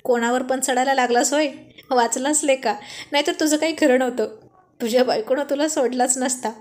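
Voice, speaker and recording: A woman's voice: high-pitched, fairly even intonation, fairly quick, darkish tone, lightly acted. A woman reading the lines of a cheeky young man who mocks his friend in jokes. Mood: mocking. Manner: mocking, jokey.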